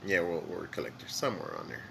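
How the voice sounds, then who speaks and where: Talking fast in a gravelly voice, this podcast co-host drifts through relaxed, filler-heavy chatter while high. He's a native Spanish speaker with a Mexican accent, and noise can be heard behind him.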